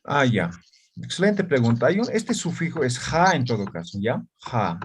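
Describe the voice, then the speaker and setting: A man's voice: mid-range voice, sing-song, normal speed, slight background noise. A man teaching an online language class, explaining patiently and checking often that students follow.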